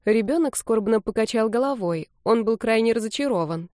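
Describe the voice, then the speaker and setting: A woman narrating an audiobook with a lively, expressive reading. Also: on the high side, brisk, dry recording, clean studio sound.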